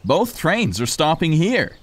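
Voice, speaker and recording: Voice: mid-range voice, very animated, takes it slowly. A narrator for a preschool cartoon, explaining things in simple, instructive short sentences. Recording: music bed under the voice.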